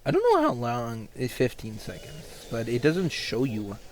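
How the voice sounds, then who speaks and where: A man's voice: medium pitch, huge pitch swings, normal speed, poor audio. A man casually talking through a strategy game match, rambling with lots of fillers and restarts. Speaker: gamer commentating his match. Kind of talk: casual gameplay commentary.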